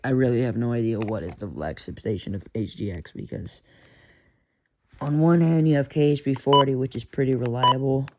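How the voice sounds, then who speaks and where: Through a hissy, lo-fi recording, a young man with a Texan accent rambles about radio hobby gear, cursing and restarting with lots of fillers. His voice is medium in pitch and fairly quick.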